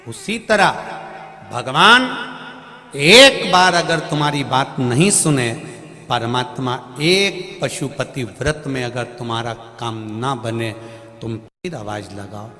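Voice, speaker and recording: A male preacher giving an animated devotional sermon with stories, repeating phrases and swelling to loud calls. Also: mid-range voice, takes it slowly. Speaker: religious preacher. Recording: long hall reverb, faint music.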